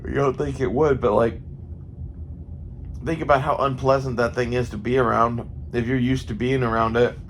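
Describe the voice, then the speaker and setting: An American gun hobbyist vlogger with a mid-range voice and steady tone rambles casually at a normal speed, thinking aloud and swearing freely. Faint ambient noise sits in the background of the recording.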